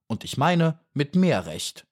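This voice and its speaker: A man's voice: on the high side, very animated, slow, darkish tone, voice pushed up, heavily acted. A man voicing a large female dragonfly in a storybook, haughty, condescending and predatory.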